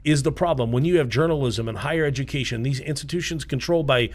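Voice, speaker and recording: A man's voice: medium pitch, fast talker. A man co-hosting a podcast debate, talking emphatically and firing off rhetorical questions in a studio. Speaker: podcast co-host.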